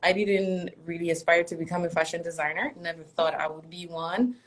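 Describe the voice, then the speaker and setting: Brief: young woman from Congo, native French speaker, fairly low voice, chatty guest with easy laughs, on a video call. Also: steady tone, a little fast. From Democratic Republic of Congo. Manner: chatty, laughs often, many fillers like "like". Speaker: fashion designer guest. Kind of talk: casual interview over a live stream.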